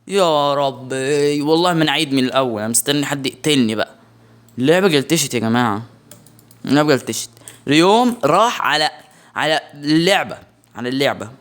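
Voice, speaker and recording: An excitable young man with an Egyptian Arabic accent, giving let's-play commentary on a horror game, yelping in alarm and muttering to himself. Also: fairly high pitch. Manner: excitable, shouts in alarm, mutters under breath. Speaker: gaming channel host.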